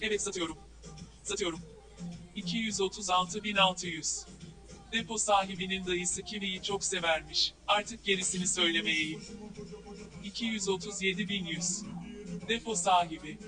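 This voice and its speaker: Man acting a high-voiced game auctioneer, formulaic calls. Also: steady tone, normal speed, pauses often, over music, natural voice, poor audio. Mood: dry gossip. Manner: formulaic, repetitive calling of bids. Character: brisk male storage auctioneer in video game. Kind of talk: scripted game auction calling.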